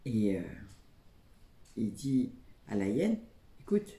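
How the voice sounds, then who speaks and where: Low-voiced woman telling a folk tale. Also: moderate pace. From Côte d'Ivoire. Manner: expressive, chatty asides to listeners. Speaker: storyteller. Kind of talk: oral folk tale narration. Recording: roomy echo, faint music.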